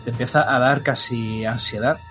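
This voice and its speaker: A man narrating a horror tabletop game as game master, steady and descriptive with many hesitations, over background music. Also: mid-range voice, normal speed. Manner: descriptive, steady, full of fillers.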